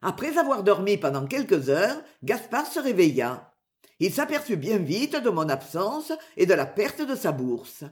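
A reader narrating a classic adventure novel in an expressive storytelling manner. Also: mid-range voice, measured pace. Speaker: audiobook narrator.

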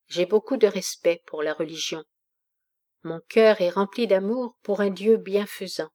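Une noble mère mourante parle avec une dignité calme et grave, lue par une femme. La voix est douce et sombre. Le débit reste posé et mesuré. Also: female voice, medium pitch, close to an everyday voice. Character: dying noble mother, dignified and calm.

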